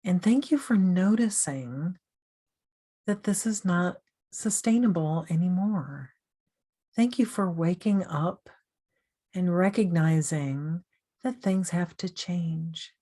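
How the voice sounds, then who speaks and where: A woman coach leading a guided meditation in a slow, soothing, gently inviting way. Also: lowish voice.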